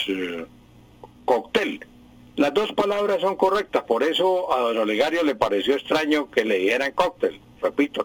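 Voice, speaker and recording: A man, a language expert on the radio who explains word usage patiently, repeats his points and often pauses with fillers. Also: mid-range voice, no room sound, low-quality recording. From Colombia.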